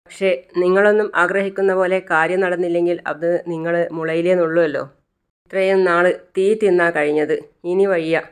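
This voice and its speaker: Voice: medium pitch, flat delivery, moderate pace, clear, resonant tone, lightly acted. A narrator voicing a defiant young pregnant wife who stands up to her husband, in a retold TV serial.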